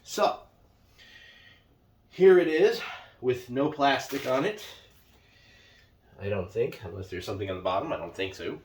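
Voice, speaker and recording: A man's voice: mid-range voice, animated, unhurried, pauses often, a little mellow. A man giving casual unboxing commentary, rambling and unsure, thinking aloud with fillers as he moves around his home, sometimes drifting away from the camera mic. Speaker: product reviewer.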